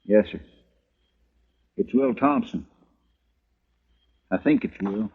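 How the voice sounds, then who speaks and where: A man's voice: on the low side, slow, slightly rough, heavily acted. A man playing a folksy, deferential deputy with a drawling rural American accent in a 1950s Western radio drama. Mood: uneasy, shocked. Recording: muffled, thin vintage radio recording.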